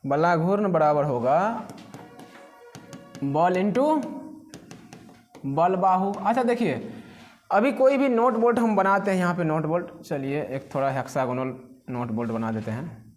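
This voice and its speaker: A man's voice: a little high, normal speed, faint music behind. A man teaching a physics class, who keeps asking the students questions and then answers them himself.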